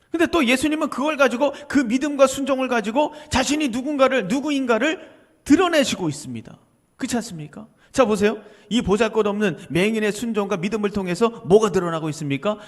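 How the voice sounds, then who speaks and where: A male pastor delivers a sermon in a high, strongly animated voice that swings widely in pitch. He presses his points with rhetorical questions and sometimes falls to a near whisper. The sound carries a long church-hall reverb. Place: church sanctuary.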